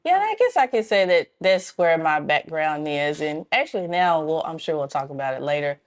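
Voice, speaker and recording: A woman's voice: low-pitched, very animated, normal speed. A woman from Memphis, Tennessee, a club co-founder speaking as an interview guest, friendly and explanatory, laughing often. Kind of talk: casual interview talk.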